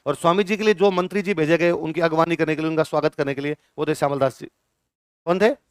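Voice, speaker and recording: Dry, crisp man quizzing a class. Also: fairly high pitch, steady tone, quick pace, no echo. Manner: asks the class questions and answers them himself. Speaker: teacher. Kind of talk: classroom lecture.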